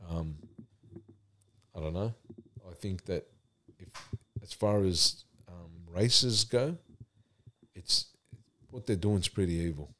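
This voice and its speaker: A man with a very low voice speaks casually, as if among friends. He is plain-spoken and colloquial, telling things in simple storytelling phrases. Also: slow, a bit bright, a little hiss or hum. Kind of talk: casual chat and unhurried storytelling.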